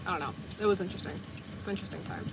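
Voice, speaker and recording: Over loud music, a Southern woman in her twenties fires off rapid, lowish-voiced chatter to her livestream audience. As a vlogger and streamer she rambles casually, saying "like" a lot and revising herself as she goes.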